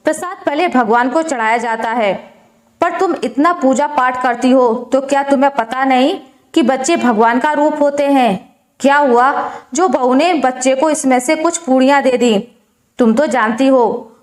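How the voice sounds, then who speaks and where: A calm, wise old father-in-law, as a woman storyteller puts him on, gently lectures in a high, even voice. The recording carries a roomy echo.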